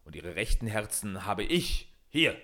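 A hulking fairy-tale giant, gruff and loud, sly and menacing, as a man reads him out. He talks with heavy force in a storybook voice. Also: fairly low pitch, big pitch swings, unhurried, full character voice. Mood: boastful. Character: huge male forest giant, menacing and sly.

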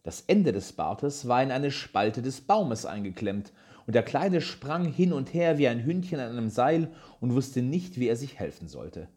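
A storybook narrator reads a fairy tale at a calm, measured pace. The pitch stays lively and animated throughout.

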